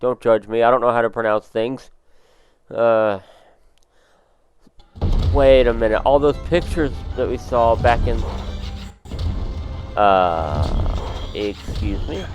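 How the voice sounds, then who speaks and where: A man's voice: medium pitch, takes it slowly, pauses often, highs cut off, soft background music. A man giving casual, joking commentary while playing a game, talking back to the enemies. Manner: chatty, joking, talks to enemies. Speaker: gaming channel host.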